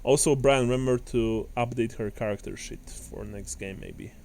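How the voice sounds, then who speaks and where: A man's voice: medium pitch, moderate pace, a little mellow. A man narrating as game master of a tabletop game, rambling with many fillers and restarts.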